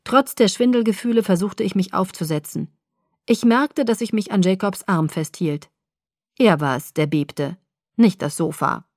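A woman narrates a first-person story in a measured, even voice at a middle pitch. The recording is close and dry, with no room echo. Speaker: audiobook narrator.

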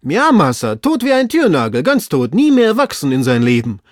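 A man reading aloud, voicing a fearful male servant calling down from high in a tree in broken, drawn-out speech. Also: huge pitch swings, dry recording, clean studio sound. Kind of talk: audiobook reading.

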